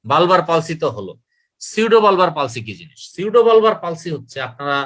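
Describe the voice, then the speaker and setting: A man's voice: a little high, sing-song, quick pace, fairly bright tone. A man giving a medical lecture, repeating key points and asking questions he then answers himself. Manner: repetitive, asks and answers own questions.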